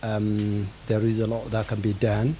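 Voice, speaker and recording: Low-voiced man over faint hiss. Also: completely flat delivery, unhurried, warm tone. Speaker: conference group presenter. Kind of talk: conference feedback presentation.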